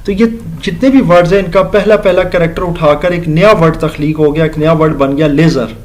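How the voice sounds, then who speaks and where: A man's voice: on the high side, fairly even intonation, brisk. A middle-aged man teaching a grammar lecture, explaining step by step, dropping English terms into his talk and addressing the class politely. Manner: explains step by step, mixing English terms into Urdu-Hindi speech; addresses listeners politely with "janab" and "ji".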